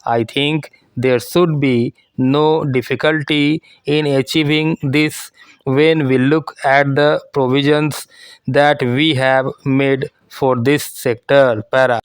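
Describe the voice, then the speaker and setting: A man dictating a formal speech for shorthand practice, reading in measured short phrases as a dictation reader. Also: medium pitch, fairly even intonation, clear, resonant tone, no echo.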